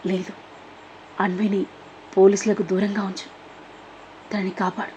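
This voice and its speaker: A man's voice: high-pitched, flat delivery, measured pace, darkish tone, a little hiss or hum. A woman voicing a dying elderly father who pleads faintly and weakly. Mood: faint pleading. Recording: dull lo-fi recording.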